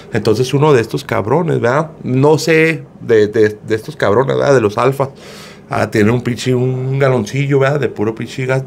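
Gravelly man, slangy gossip. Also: medium pitch, a little hiss or hum. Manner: slangy and profane, filler after nearly every phrase. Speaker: gossip storyteller. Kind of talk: casual retelling of a viral video.

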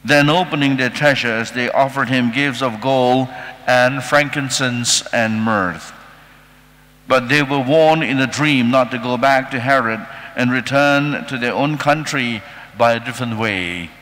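A priest reading the gospel aloud in a measured, formal way during Mass, heard with a cathedral echo. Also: male voice, medium pitch, bright, forceful tone. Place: large church. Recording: long echo in a large church.

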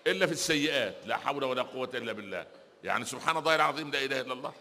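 Egyptian preacher guy, middle-aged, talks quick and tells jokes, lots of reverb from the hall. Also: medium pitch, a little hiss or hum. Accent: Egyptian Arabic. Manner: lively storyteller, rhetorical questions to the audience. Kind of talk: religious lecture with humorous anecdotes.

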